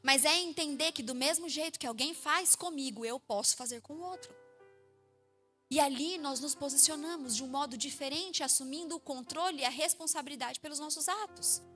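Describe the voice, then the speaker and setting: A woman in her thirties with a Brazilian Portuguese accent, a pastor preaching a sermon in a church, telling stories with lively acted-out voices. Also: high voice, fairly quick, soft background music. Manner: lively storytelling, acts out quoted voices.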